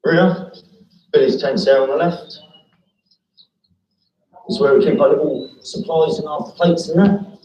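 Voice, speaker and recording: A man's voice: fairly high pitch, a little slow, long pauses, mellow, roomy sound, far from the mic, poor audio. A man in his fifties talking plainly in a documentary interview, blunt and wry. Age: 50s.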